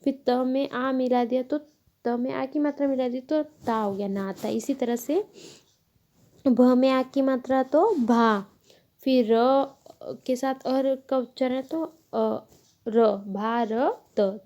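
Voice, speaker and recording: Woman teacher, patient step-by-step lesson voice, mellow tone, unhurried delivery. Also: sits high. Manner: slow, patient, explains step by step, self-corrects. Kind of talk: Hindi grammar lesson.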